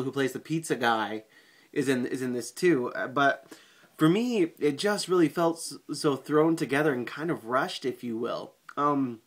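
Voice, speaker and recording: A man's voice: medium pitch, fairly bright tone. A man giving a casual video movie review, rambling with frequent swearing, fillers and restarts.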